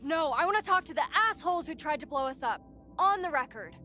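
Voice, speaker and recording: A woman's voice: high-pitched, lively intonation, a little fast, pushed and bright. A woman playing a brash, easily panicked young student reporter in a video game, with a blunt, sardonic, sweary delivery. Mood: defiant. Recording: music behind the voice.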